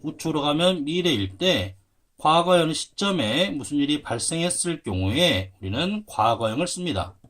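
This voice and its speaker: A man's voice: a little high, expressive, moderate pace, fairly bright tone. A man teaching English grammar to Korean learners, explaining patiently at a board and spelling words out letter by letter. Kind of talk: explaining at a whiteboard.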